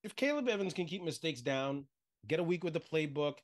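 A man's voice: on the high side, animated. Blunt man co-hosting sports podcast. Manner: blunt, poses quick questions to co-host. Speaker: podcast co-host. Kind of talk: casual sports chat.

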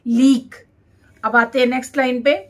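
A woman teacher, reading English words one by one for a dictation lesson and repeating each one clearly. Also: high-pitched, flat delivery. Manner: reads each word slowly and repeats it.

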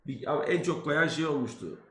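A man's voice: fairly high pitch, brisk, echoey room. Swearing young man telling a story. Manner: animated, swears freely, acts out quoted lines. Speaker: guest storyteller. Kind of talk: casual comic storytelling.

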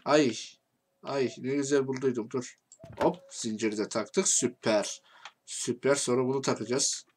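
A man with a Turkish accent giving casual game commentary, talking to himself and swinging from quiet muttering to angry shouting. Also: mid-range voice, fairly even intonation, measured pace, a little hiss or hum. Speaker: gaming YouTuber.

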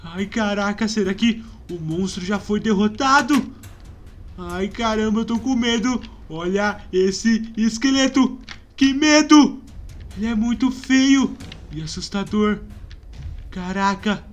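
Shrill excitable Brazilian gamer guy. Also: measured pace. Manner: excitable, breaks into frightened screams and cries. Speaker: gaming YouTuber. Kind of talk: let's play commentary.

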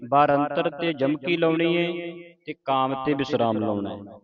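Male Punjabi teacher of scripture recitation, slow and deliberate, chants verses then explains them; muffled recording with a congregation behind. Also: on the high side, crowd noise. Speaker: Gurbani pronunciation teacher.

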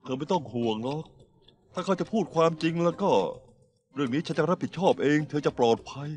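Brief: actor as a protective, jealous young lover in a Thai drama dub, earnest and slightly high. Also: male voice, fast, a little mellow, close to an everyday voice.

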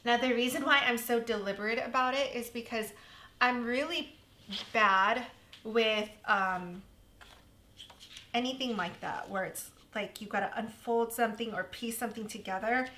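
Bright-voiced woman, chatty crafting host. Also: fairly high pitch, normal speed, a little hiss or hum. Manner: chatty, self-deprecating, laughs at her own mistakes. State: slightly hoarse, losing her voice. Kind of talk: casual crafting tutorial.

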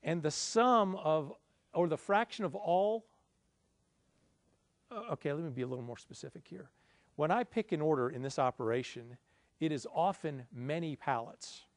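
A man's voice: fairly high pitch, lively intonation, normal speed, no room sound. A middle-aged man giving a conference presentation, explaining a slide in a conversational, self-deprecating way. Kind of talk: lecture with audience Q&A. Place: indoor conference room, presenting at a projector screen.

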